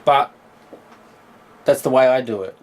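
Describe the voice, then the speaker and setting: In a studio tutorial, a music producer walks through his mixing steps at a measured pace, his voice sitting at medium pitch. He explains as he works, dropping frequent "uh"s, with slight background noise underneath.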